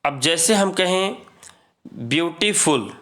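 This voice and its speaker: Male teacher, slow measured delivery, slightly higher voice, repeats and explains patiently. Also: animated, a bit bright. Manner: reads English rules slowly, then explains, repeating "ठीक है". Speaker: English grammar teacher. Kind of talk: slow lesson explanation in Hindi and English.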